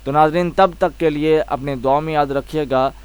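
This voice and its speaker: A man teaching a tajweed lesson, slowly sounding out letters one by one and explaining each with patient repetition. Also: on the high side, fairly even intonation, clear, resonant tone. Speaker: Quran recitation teacher.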